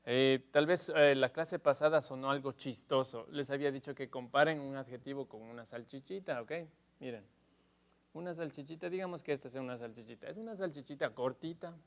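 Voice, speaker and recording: A man teaching English grammar in Spanish in a televised lesson, explaining step by step and loudly stressing each English example. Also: medium pitch, fairly quick.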